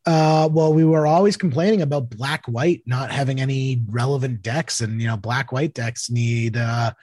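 A man with a Boston accent co-hosting a podcast, chatting casually about card games and thinking aloud haltingly. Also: medium pitch, darkish tone, dry recording, studio quality. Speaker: podcast co-host. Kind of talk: casual banter and card game commentary.

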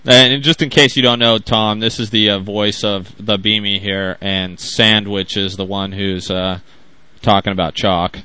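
Bright, dry-sounding man, low voice. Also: fairly even intonation, unhurried, clear, resonant tone, no room sound, rough recording. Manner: laughs easily, rambling banter. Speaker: podcast guest co-host. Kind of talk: casual chat over a video call.

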